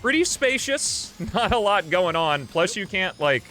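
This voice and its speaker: Game music plays as a man streams live, chatting informally and thinking aloud about his gameplay in a rambling way. His voice sits high with a sing-song lilt, moves a little slowly, and sounds pushed and bright.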